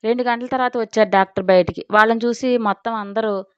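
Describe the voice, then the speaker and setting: A woman narrating a romantic audio story in a steady, dramatic reading style. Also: a little high, quick pace, clear, resonant tone, dry recording. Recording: dry, slightly dull recording.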